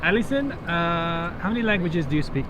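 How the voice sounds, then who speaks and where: Higher-pitched upbeat man interviewing on the street. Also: lively intonation, normal speed. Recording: outdoor street with clear traffic noise.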